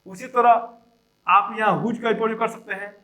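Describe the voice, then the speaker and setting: A male teacher explaining English grammar, repeating each example sentence slowly and deliberately. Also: high-pitched, steady tone, bright, forceful tone, poor audio.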